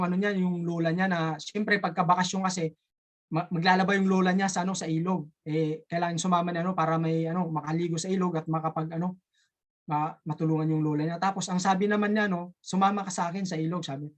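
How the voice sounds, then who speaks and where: A speaker with an Ilonggo accent telling a story in a casual, halting way, often stopping to search for words, as a participant in an online coaching session. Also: mid-range voice, fairly even intonation.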